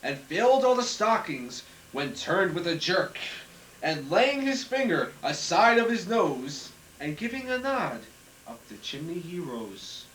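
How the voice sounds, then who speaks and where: A high, lively man's voice reads a holiday poem aloud, picked up far from the camcorder mic on an old home VHS tape. The room is echoey and a faint tape hiss sits under everything. His pitch swings up and down as he tells the story. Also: measured pace.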